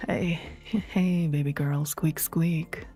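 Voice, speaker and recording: A woman voicing a flirtatious male rat in a low, husky whisper, a whispered role-play. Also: steady tone, takes it slowly, dark tone, soft background music, exaggerated voice. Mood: sleazy flirting.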